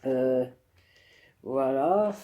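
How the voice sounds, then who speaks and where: A man's voice: mid-range voice, lively intonation, very slow, narrow, tinny audio. A man giving a spontaneous face-to-camera book review, hesitating often with fillers and restarts. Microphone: camera mic.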